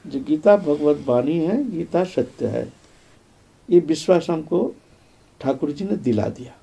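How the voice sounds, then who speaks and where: An older man giving a devotional spiritual discourse, telling his life story in a reflective way with repeated phrases and soft trailing fillers. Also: fairly high pitch, animated, measured pace, gravelly, slightly rough. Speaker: spiritual speaker.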